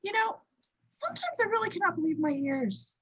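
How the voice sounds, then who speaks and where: A woman reading a dry, sardonic schoolteacher with a husky voice in an amateur sitcom table read. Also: extremely high pitch, brisk, exaggerated voice. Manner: dry, deadpan.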